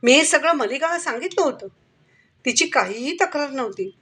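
A woman voicing a grieving wealthy businessman who speaks quietly and openly in a storybook reading. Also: high-pitched, expressive, normal speed, voice pushed up. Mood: somber.

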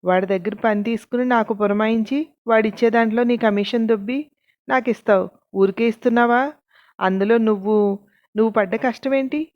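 A woman's voice: a little high, moderate pace, lo-fi sound, lightly acted. A woman voicing a blunt, defiant male mason who fires back taunting retorts in a told story.

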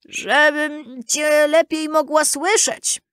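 A woman voicing a greedy, sly wolf for a storybook reading, drawing the words out slowly. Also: sits high, steady tone, fairly bright tone, dry recording, clean studio sound, pitched above the performer's own voice. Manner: slow, drawn-out, sly delivery.

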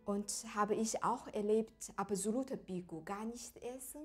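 A woman in her forties from China, a qigong teacher speaking halting German with many fillers in an interview. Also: medium pitch, darkish tone, faint music behind. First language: Chinese. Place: indoor room with large windows. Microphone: lapel.

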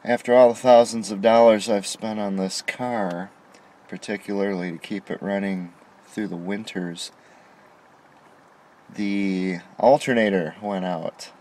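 A man's voice: lowish voice, fairly even intonation, a little slow, mellow. A middle-aged man venting to camera from inside a parked car at night, aggrieved and indignant, pressing hard on his complaints. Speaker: vlogger. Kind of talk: frustrated monologue to camera. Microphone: camera on dashboard facing him.

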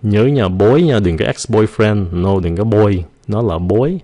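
Low-voiced male teacher, vocabulary lesson, mixes English into his explanations, slow drawn-out pronunciation demos. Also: animated, warm tone.

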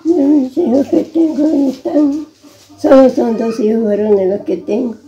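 A woman's voice: sits high, fairly even intonation, moderate pace, echoey room, background noise. A frail great-grandmother over a hundred years old with a rural Nicaraguan accent, recounting her life and repeating herself as she goes. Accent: rural Nicaraguan Spanish. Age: over 100, very old. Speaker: interviewee. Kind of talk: recounting life memories in conversation. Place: small brick room at home. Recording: dull lo-fi phone video sound.

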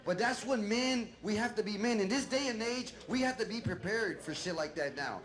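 A middle-aged man doing a loud, profane, rambling stand-up set on a club stage, shouting his punchlines. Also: high voice, lively intonation, normal speed. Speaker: stand-up comedian. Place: comedy club stage with a laughing audience. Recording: echoey live room, loud crowd noise.

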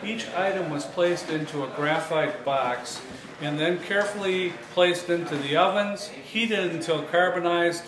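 A man leads a tour through a historic laboratory, talking loosely with fillers and pauses. His voice sits a little high and rings in an echoey room, with a crowd of visitors close by. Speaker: museum tour guide. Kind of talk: guided tour talk. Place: historic laboratory building, indoors.

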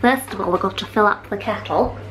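A woman's voice: mid-range voice, a little fast, heavy background noise. A young woman vlogging in a chatty, bubbly way, a bit stuffy from a cold. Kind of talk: casual vlog chat.

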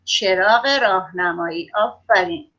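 A woman teaching a class of young children over a video call, praising them often and drawing out words slowly so they can write them down. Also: on the low side, pushed and bright, lo-fi sound. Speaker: primary school teacher.

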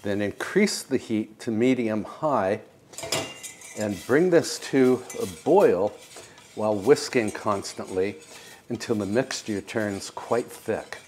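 An older American man hosting a home cooking show, explaining each step in a calm, precise, gently encouraging way in his kitchen. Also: on the low side, slow pace, slight background noise. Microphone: lapel mic.

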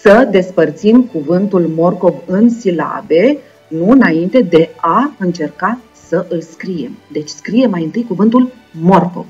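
A young woman teacher with a Moldovan Romanian accent, giving a video lesson to first graders in a slow, clear, encouraging way and sounding out words syllable by syllable. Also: fairly low pitch, lively intonation, dark tone. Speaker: primary school teacher. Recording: dull lo-fi recording with faint background music.

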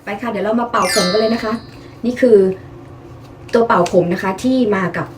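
A woman's voice: on the high side, fairly even intonation, brisk, over music. A young woman chatting politely through a casual product review vlog, explaining each piece in turn. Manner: chatty, polite, frequent soft particles.

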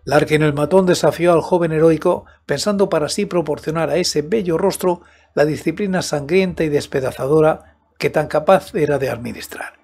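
A man in his seventies narrating a horror tale in a slow, deliberate, measured storytelling manner, close on a studio microphone. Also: on the high side, darkish tone, husky. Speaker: audiobook narrator and host of a horror story show. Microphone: close studio microphone with headset monitoring. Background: background music.

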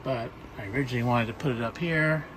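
A man filming a walk-through of his camper trailer on a handheld phone, explaining things in a plain, halting way with many ums and restarts. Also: medium pitch, background noise. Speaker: camper owner showing a solar install. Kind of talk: casual walk-through narration. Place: outdoors and inside a small camper trailer.

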